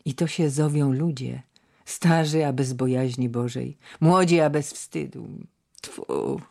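A man's voice: mid-range voice, slow, creaky, a little mellow. A man voicing a stern, curt old nobleman who scolds a crowd in a storybook reading.

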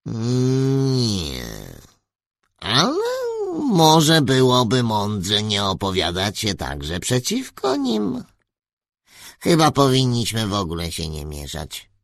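A sly adventurer weighs his options aloud, as a male narrator voices him. The tone is bright and close, slow and careful with a lively rise and fall. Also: on the low side, no echo, full character voice. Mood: cautious.

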